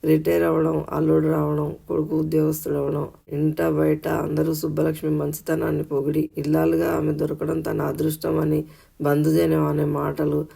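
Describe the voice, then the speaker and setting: Gravelly monotone male storyteller. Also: a little high, moderate pace. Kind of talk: scripted story narration.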